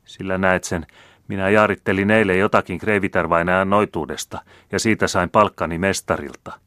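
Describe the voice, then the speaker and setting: A man's voice: low-pitched, steady tone, fairly bright tone, no echo, clean studio sound. A man reading the part of a frightened young male servant who rambles and jumbles his words. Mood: rambling. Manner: rambling, jittery.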